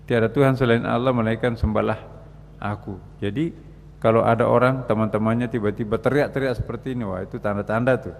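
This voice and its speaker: An older Indonesian man preaching on Sufism in a large mosque, quoting mystics in a raised voice and falling to quiet asides. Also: mid-range voice, steady tone, fairly quick, gravelly. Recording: long hall reverb with faint hum.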